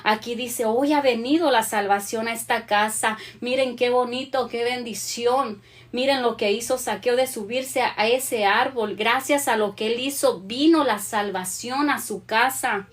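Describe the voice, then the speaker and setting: A woman preaching a sermon to a women's group, reading scripture aloud and slowing down on the verses. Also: on the high side. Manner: earnest, slows down when reading scripture.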